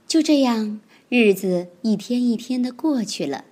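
Slow, lively woman reading a children's story. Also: fairly high pitch. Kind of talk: storybook read-aloud.

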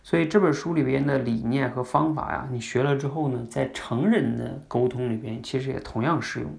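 A man with a gravelly, creaky voice gives a casual spoken lesson as a podcast host. He talks in a chatty way and keeps putting questions to his listeners. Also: medium pitch, brisk, a little mellow.

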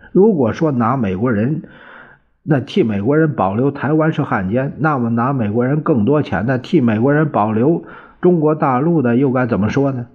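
A man's voice: mid-range voice, husky, natural voice. A man voicing an indignant, exasperated male newspaperman, on a dull lo-fi recording.

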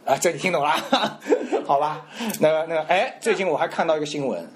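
A man's voice: on the high side, fast talker. A man with a Shanghainese accent, teaching the dialect in a playful, joking casual chat.

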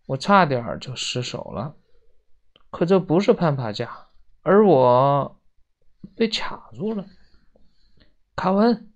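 A storyteller reading a children's book aloud slowly and expressively, doing the characters in different voices. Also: medium pitch. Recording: dull lo-fi recording.

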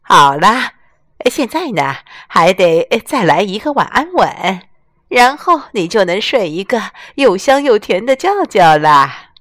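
A fussy, motherly lady cat coos and chatters in a slow, loud voice, as a woman storyteller puts her on. Her bedtime fussing comes from a children's storybook. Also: mid-range voice, sing-song, dry recording, clean studio sound. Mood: cooing. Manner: chattering, cooing.

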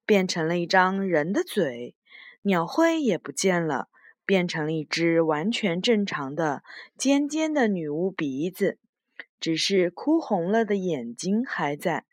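A woman reading a children's storybook aloud as a gentle storyteller. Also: lowish voice, sing-song, no room sound. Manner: slow, gentle read-aloud.

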